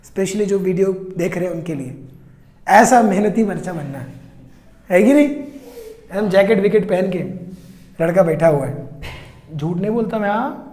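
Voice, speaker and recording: A man's voice: high-pitched, animated, normal speed, pauses often, darkish tone. An Indian man teaching a chemistry class, counting aloud, quizzing the students and teasing them playfully. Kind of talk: classroom lecture. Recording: echoey classroom.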